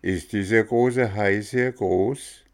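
A man's voice: lowish voice, takes it slowly, pitched above the performer's own voice. A man voicing a frightened, wailing wooden puppet boy in a raised voice. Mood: fearful. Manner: wailing, fearful.

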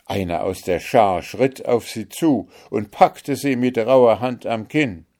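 A man narrating an old storybook tale in a low, measured voice. He reads slowly and evenly, taking his time over each line. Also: a little mellow. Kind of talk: storybook reading.

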